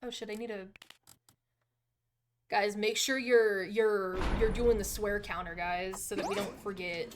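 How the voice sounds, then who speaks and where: A woman's voice: medium pitch, steady tone, unhurried, slight background noise. A woman chatting casually on a game livestream in a hyped, slangy gamer manner, exclaiming and giggly. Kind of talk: casual, excitable gaming livestream chat.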